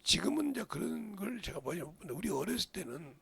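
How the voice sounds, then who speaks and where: A middle-aged male pastor preaching a sermon with passion, often asking his congregation questions and breaking into loud outbursts. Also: sits high, big pitch swings, fast talker, vocal fry, crowd noise. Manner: asks the congregation questions, interjects "어?".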